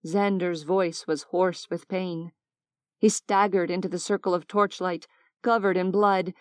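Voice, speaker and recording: A woman narrating an audiobook in a measured, deliberate way on a close mic. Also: medium pitch, smooth, no echo. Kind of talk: scripted narration.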